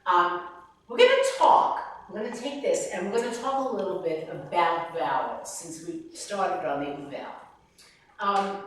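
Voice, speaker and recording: A woman vocal coach teaching a master class, animated, demonstrating sounds and sung lines. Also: lowish voice, unhurried, slight background noise. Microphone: distant room mic. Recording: very echoey room from far off.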